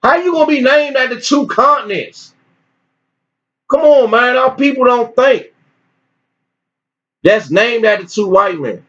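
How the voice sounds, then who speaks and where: A man teaching informally and reading articles aloud with his own commentary, in an animated, preachy way with repeated phrases. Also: very high-pitched, a little slow, pauses often. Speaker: religious teacher. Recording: dull lo-fi recording.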